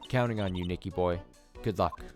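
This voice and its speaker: A man's voice: deep voice, brisk, music in the background, close to an everyday voice. A man voicing a sweet, protective young woman in a mystery game, affectionate and teasing.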